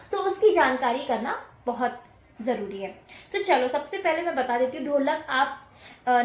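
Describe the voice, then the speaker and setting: High-voiced woman teaching dholak, echoey. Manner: patient, explaining step by step, counts beats aloud. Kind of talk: casual music lesson. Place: indoor room with dholak drum playing.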